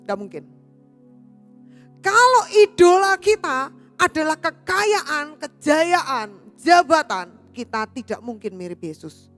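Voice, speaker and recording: A woman pastor preaching a sermon in church, telling stories and addressing the congregation directly. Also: sits high. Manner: animated storytelling, addressing congregation as "saudara".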